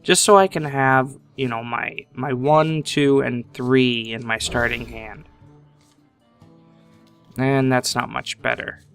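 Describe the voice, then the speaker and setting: Thinking aloud at an unhurried pace, a man casually commentates his own card game match. His mid-range voice is a bit bright with vocal fry and fairly even intonation, a little congested from a sinus infection, and soft music plays in the background.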